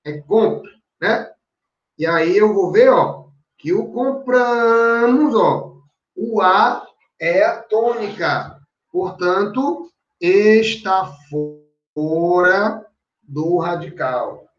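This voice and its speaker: Teaching grammar for exam prep, this man talks in a high, animated voice at an extremely slow pace. He explains each step and keeps checking that the class is following along. The room echoes, and the mic sounds distant and dull.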